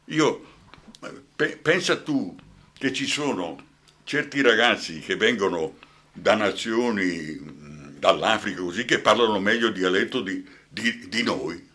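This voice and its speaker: A man's voice: on the low side, animated, a little slow, pushed and bright. An older man with a Brescian accent, an actor guest in a radio interview, talking passionately and often asking "hai capito?".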